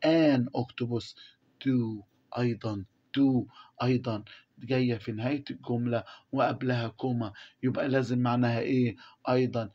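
Man, Egyptian accent, English teacher, repeats words, quizzes listeners, mid pitch, muffled recording. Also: steady tone, fairly quick. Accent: Egyptian Arabic. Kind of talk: classroom explanation.

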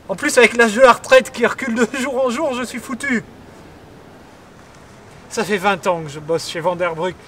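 A desperate middle-aged office worker pours out his fears on the phone in a bitter, pleading rush. His voice sits high and strained for a man. Faint noise hums under the scene. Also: fairly bright tone. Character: anxious middle-aged office worker faking Belgian life.

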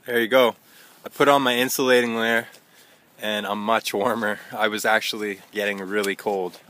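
A young adult man with a lowish voice narrates his hiking vlog casually, steady and at a moderate pace. He's outdoors on a windy, wet mountain trail with his phone at arm's length, and the recording is noisy with loud wind and rain.

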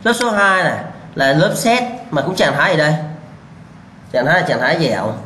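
A man's voice: on the high side, very animated, a little fast, pushed and bright. A male lecturer drilling students with rhetorical questions, repeating key answers and bluntly warning them about mistakes. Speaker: civil engineering lecturer. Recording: echoey room with faint background hum.

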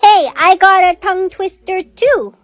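A woman voicing a timid little girl in a comedy skit, speaking slowly and carefully. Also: extremely high pitch, no room sound. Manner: slow, careful, scared little voice.

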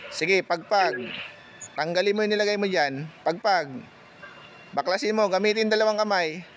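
Commanding high-voiced male faith healer. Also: normal speed, fairly bright tone, highs cut off, slight background noise. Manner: commanding, chants incantations; directs a helper remotely. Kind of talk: healing prayer and incantation.

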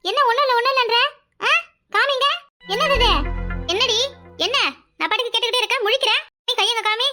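A woman voicing a domineering, scheming middle-aged village mother in a cartoon, with a Kanyakumari Tamil accent, scolding fast and loud. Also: steady tone, over music. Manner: shrill, scolding, fast, rising to yells. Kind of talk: cartoon voice acting.

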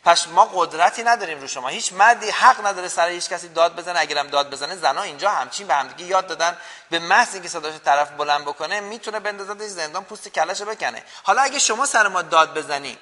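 A man's voice: high-pitched, pushed and bright, long reverb tail. A man hosting a call-in show, arguing and lecturing his caller in a heated debate. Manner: argumentative, lecturing.

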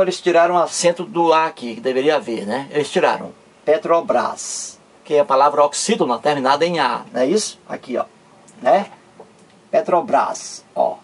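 Husky teacher, slightly high. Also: male voice. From Ceará, Brazil. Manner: patient, repetitive, spells letters out slowly, frequent tag questions. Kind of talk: video grammar lesson.

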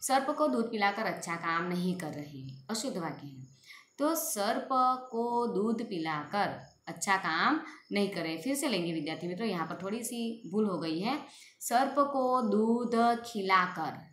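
A woman teacher giving a school Hindi grammar lesson, explaining slowly, repeating examples and often checking with her students. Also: medium pitch, expressive. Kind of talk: recorded class lesson. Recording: echoey room with faint ambient noise.

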